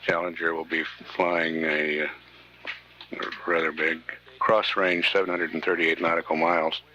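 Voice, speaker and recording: A man giving live mission control commentary in a halting, measured way, often pausing mid-sentence. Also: low-pitched, flat delivery, pushed and bright, muffled recording. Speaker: mission control public affairs announcer. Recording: faint radio hiss.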